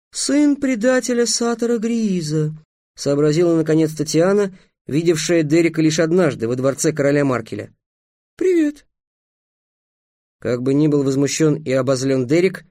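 A male audiobook narrator with a fairly high voice, reading in a measured, dramatic manner. He sinks low and quiet for the ominous beats. The recording is dry and close. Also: no echo. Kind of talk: scripted narration.

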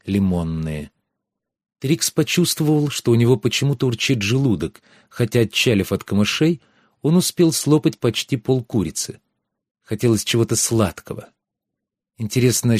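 A man narrating a fantasy audiobook in a measured, savoring way, slowing down on descriptive images. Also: on the low side, a little mellow, dry recording, studio quality.

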